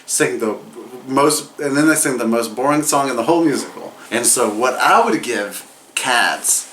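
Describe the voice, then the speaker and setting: A man with a bright, forward voice gives a loose comedic movie review while audibly tipsy and getting drunker. He rambles, swears casually and slips easily into giggles. Some noise sits behind his medium-pitched voice. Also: animated, normal speed, low-quality recording. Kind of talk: casual comedic film recap, profane.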